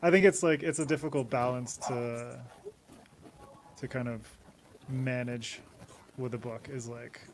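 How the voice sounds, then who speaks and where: A man's voice: medium pitch, fairly even intonation, measured pace, long pauses, noisy background. A man chatting informally and emphatically on a livestream, with playful banter. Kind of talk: casual livestream chat.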